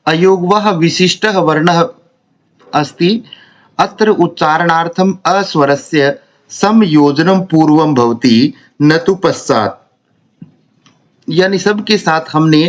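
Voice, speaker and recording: A man teaching a grammar lesson, explaining slowly and repeating syllables one by one. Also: a little high. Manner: slow, deliberate, repeats and spells out syllables.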